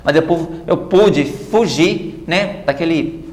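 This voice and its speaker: A woman's voice: sits low, takes it slowly, a little mellow, reverberant. A woman guest in a TV studio interview, explaining at length and often adding "né" tags. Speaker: guest author and activist.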